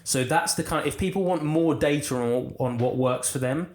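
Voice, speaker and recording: A man's voice: fairly high pitch, moderate pace, roomy sound. A man, a podcast guest and fitness coach, explaining nutrition at length with dry teasing humor. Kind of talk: casual podcast chat.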